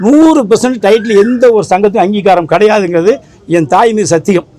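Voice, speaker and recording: At a press interview, a man who runs a film association talks rapidly and emphatically, wandering off track and repeating himself. He has a high voice with a dark tone.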